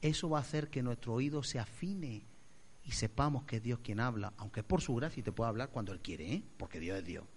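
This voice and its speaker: Male pastor, mid-pitched, dramatic sermon delivery with loud and soft swings. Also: a little fast, husky. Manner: expressive, acts out voices, swings loud to soft.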